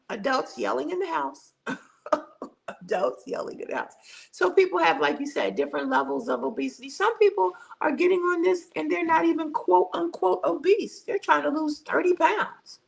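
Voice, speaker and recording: Chatty middle-aged woman with a gravelly voice. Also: sits high, rough recording. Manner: chatty, repeats words for emphasis, reads out viewer comments. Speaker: livestream host. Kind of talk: casual livestream chat. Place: at home.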